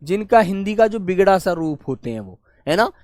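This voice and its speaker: A man teaching a grammar class for exam students, warmly coaxing and asking questions that he then answers himself. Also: high-pitched, big pitch swings, no room sound, studio quality. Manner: warm coaxing, calls students "beta", asks and answers his own questions; stretches key words slowly while dictating notes.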